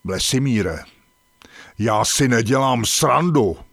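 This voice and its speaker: A woman's voice: extremely low pitch, expressive, vocal fry, no echo, studio quality, full character voice. A woman voicing a bossy, nagging female dung beetle in a cartoon who scolds sharply. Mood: scolding.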